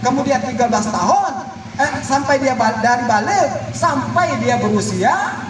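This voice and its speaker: High-voiced preacher in an echoey room. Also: male voice, a little slow, far from the mic, some chatter behind. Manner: animated, acting out quoted parents and children, bursts of shouting. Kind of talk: sermon. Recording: echoey room, voice from off-mic, faint noise.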